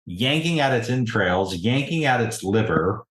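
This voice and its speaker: A man running a tabletop game as game master, narrating in a lively, animated way. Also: lowish voice, measured pace. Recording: roomy echo.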